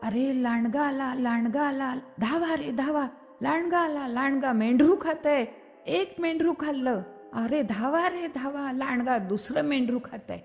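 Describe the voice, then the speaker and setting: A woman voicing a mischievous young village shepherd boy who shouts and laughs in a raised voice. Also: lively intonation, a little slow, natural voice. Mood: shouting. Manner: high, laughing, shouting cries. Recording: reverberant studio with background music.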